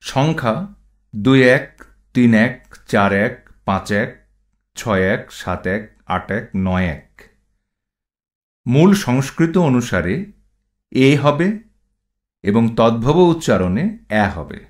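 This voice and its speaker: A man teaching standard pronunciation, reading rules and example words one at a time in a measured recitation. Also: mid-range voice, animated. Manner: measured, reads rules and word lists one item at a time. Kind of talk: slow instructional recitation.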